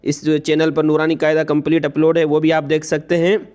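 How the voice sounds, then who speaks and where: A man with a Pakistani Urdu accent teaching Quran reading, drawing out each recited word slowly and breaking it into letters and vowel marks, with quicker spoken explanations in between. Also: fairly high pitch, completely flat delivery, darkish tone. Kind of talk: spelled-out recitation lesson.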